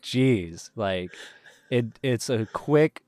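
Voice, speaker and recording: A man co-hosting a casual film podcast, rambling with many fillers and letting his sentences trail off quietly. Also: medium pitch, lively intonation, extremely slow, no room sound. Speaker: podcast co-host. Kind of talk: casual film review chat.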